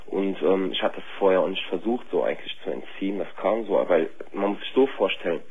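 A man calling in to a radio show and talking openly in a halting, slangy way, with many fillers. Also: low voice, husky. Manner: halting, plain-spoken, full of fillers like "so" and "ähm", slangy. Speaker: caller. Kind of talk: candid phone-in confession. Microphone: telephone line. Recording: tinny phone line with faint hiss.

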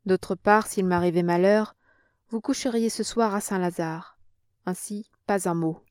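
A brave young woman, read by a woman narrator, speaks in a cold, curt and commanding tone. Her voice sits at a middle pitch, close and dry. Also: unhurried, darkish tone, no room sound, close to an everyday voice.

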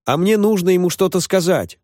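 A man's voice: sits high, a little fast, a little mellow, dry recording, studio quality, voice pushed up, natural voice. A man doing a whiny fat servant boy. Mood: whimpering.

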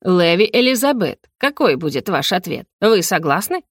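A man's voice: sits high, sing-song, moderate pace, no room sound, clean studio sound, exaggerated voice. A woman voicing a sly male court official who speaks with syrupy, mocking courtesy in a storybook reading.

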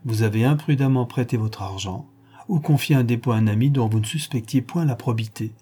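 Brief: guilty millionaire banker, read by a man, measured, mellow tone. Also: medium pitch, breathy edge, natural voice. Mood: calm. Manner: measured, reasoning.

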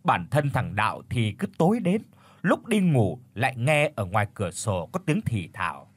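A man narrating a ghost story in an expressive, dramatic way. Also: medium pitch, moderate pace, breathy edge, no echo. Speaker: audiobook narrator.

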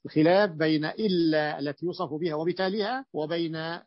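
A man's voice: fairly high pitch, brisk, no echo. A man teaching a grammar lesson as sheikh, explaining and quizzing his students with frequent restarts. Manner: explanatory, asks students questions, many restarts. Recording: dull lo-fi dry recording.

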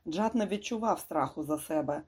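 An audiobook narrator reading a thriller in a steady, measured way. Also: medium pitch, slightly rough.

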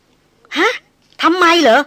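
A young man protests loudly, flustered and exasperated, voiced by a woman reading the story. The voice stays bright and fairly high. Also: expressive, normal speed, no echo.

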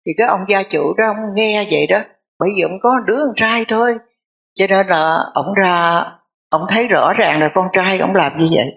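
A Buddhist nun, telling a story in a conversational dharma talk. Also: female voice, medium pitch, vocal fry, fairly bright tone. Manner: conversational, repetitive fillers, drawn-out phrases.

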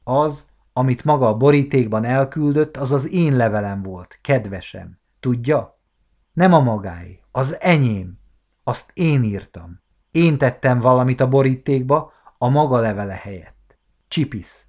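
A man voicing a teasing, sarcastic young wife in a storybook reading, with a mocking, drawn-out delivery. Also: mid-range voice, lively intonation, a little mellow. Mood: triumphant.

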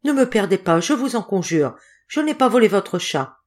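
A woman reading an audiobook, voicing a solemn female fortune-teller who speaks gravely and counts out cards slowly. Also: medium pitch, big pitch swings. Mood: pleading.

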